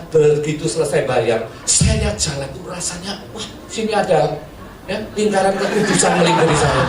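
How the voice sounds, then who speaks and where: A man's voice: high voice, far from the mic. A male pastor preaching a sermon, telling a funny story, laughing often and acting out the dialogue. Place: church hall. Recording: roomy hall, mic from afar, faint noise.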